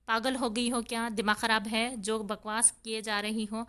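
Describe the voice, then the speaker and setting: A woman voicing a stern young man who scolds curtly, then calms his beloved. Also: on the high side, smooth, natural voice. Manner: curt, scolding.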